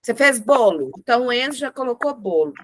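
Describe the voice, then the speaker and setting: A woman teaching a group music lesson over a video call, encouraging the class and chanting words slowly in rhythm. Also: a little high, lively intonation, a bit bright, a little hiss or hum.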